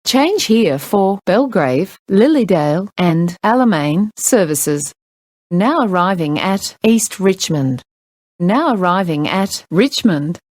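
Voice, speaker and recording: A woman with an Australian accent giving recorded train announcements, her words spliced together from separate clips in a clipped, even way. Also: fairly low pitch, slow pace, no room sound.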